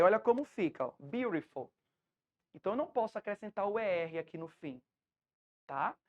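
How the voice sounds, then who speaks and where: A woman's voice: on the low side, darkish tone, highs cut off. A woman with a Brazilian Portuguese accent, an English teacher giving a patient, step-by-step lesson to a class at home, checking often that students follow.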